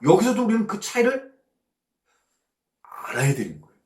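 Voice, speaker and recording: Male pastor, Bible study teacher, animated pitch, roomy echo, slow English verse reading, rhetorical check-ins.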